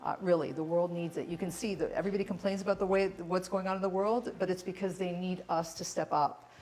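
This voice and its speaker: A woman's voice: fairly low pitch, fairly even intonation, quick pace, a little mellow, poor audio. Earnest woman guest from Toronto. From Toronto, Canada. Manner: earnest, talks in long run-on explanations. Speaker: guest, communication coach. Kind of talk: casual interview chat.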